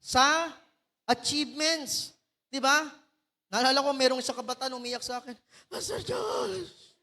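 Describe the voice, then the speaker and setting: High-voiced, bright Filipino man, lively sermon, congregation call-outs, church echo. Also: normal speed. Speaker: pastor. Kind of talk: Taglish sermon. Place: large church hall. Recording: long church reverb.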